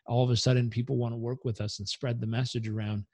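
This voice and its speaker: A man being interviewed on a podcast as a coach, talking in an energetic, motivational way. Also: mid-range voice, quick pace, dry recording. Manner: energetic, motivational, leads breathing exercise aloud. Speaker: guest, coach.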